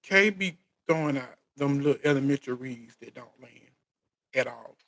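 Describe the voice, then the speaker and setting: A man's voice: medium pitch, lively intonation, normal speed, vocal fry, a bit bright. An American man hosting a casual live recap, speaking in informal colloquial phrasing and often restarting and repeating his phrases. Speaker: recap show host. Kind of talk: casual live recap chat about reality TV.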